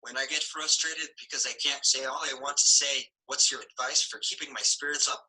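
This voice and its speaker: A man's voice: medium pitch, a little fast, background noise. A young man in his twenties speaking as an audience member through a speech device, which plays the same stock phrases again and again. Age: 20s. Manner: flat, repeated stock phrases.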